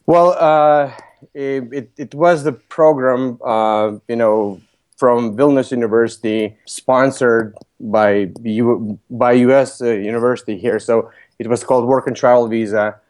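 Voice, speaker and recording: A man's voice: mid-range voice, measured pace, a little mellow. A man in his thirties from Lithuania, speaking with a Lithuanian accent, answering interview questions as a guest in a matter-of-fact, businesslike way. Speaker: podcast guest, real estate broker.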